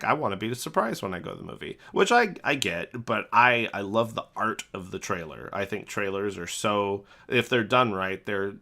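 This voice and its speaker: A young man on a podcast, casually telling a story and acting out the quotes with big jumps in pitch. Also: bright, forceful tone. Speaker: podcast co-host.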